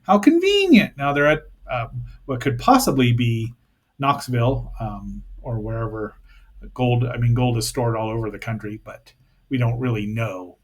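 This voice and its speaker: A man's voice: mid-range voice, breathy edge. A man hosting a podcast, giving a casual recap and commentary with wry, hesitant asides. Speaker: podcast host.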